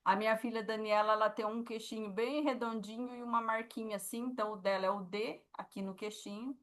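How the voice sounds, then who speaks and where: A woman's voice: a little high, steady tone, fairly quick, a bit bright. A woman with a Brazilian Portuguese accent teaching a sign language class, explaining patiently and checking in with her students often.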